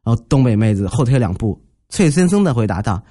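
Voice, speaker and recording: A man's voice: medium pitch, very animated, fast talker, warm tone. A man hosting a podcast, telling funny everyday stories in a chatty, jokey way and acting out the quotes. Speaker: podcast host. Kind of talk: comic storytelling podcast.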